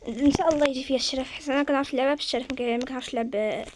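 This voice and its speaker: A woman with a Moroccan accent narrates her gameplay in a chatty, rapid flow. Her voice sits high and she breaks into excited squeals when something surprises her. It is relaxed commentary from a gaming channel host. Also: noisy background. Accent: Moroccan Arabic.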